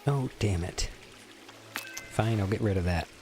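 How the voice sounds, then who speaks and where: With music playing in the background, a forties-aged gamer talks a little slowly in a lowish voice. He's casually and crudely joking with his stream viewers, keeping up mock-serious banter.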